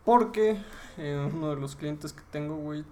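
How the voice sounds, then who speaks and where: Jokey Mexican man with a slightly high voice. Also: moderate pace, dark tone. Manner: jokey, mixes English swearing into Spanish. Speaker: podcast co-host. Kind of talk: casual chat.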